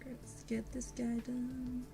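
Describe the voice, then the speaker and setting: A woman's voice: fairly high pitch, completely flat delivery, takes it slowly, vocal fry, over music, poor audio. A young woman chatting casually with her viewers as she paints on a livestream, laughing often and talking to herself. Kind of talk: casual chat while painting.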